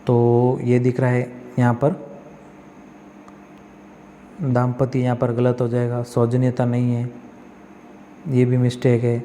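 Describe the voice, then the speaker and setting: A man's voice: medium pitch, monotone, slow pace, long pauses, mellow, big-room sound, a little hiss or hum. A male tutor walks through exam practice questions, reading each one, correcting the spellings step by step and asking himself questions that he answers.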